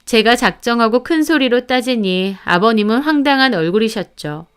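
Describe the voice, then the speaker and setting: A woman's voice: on the high side, animated, moderate pace, smooth. A woman narrating a family conflict story in the first person, indignant and emotional.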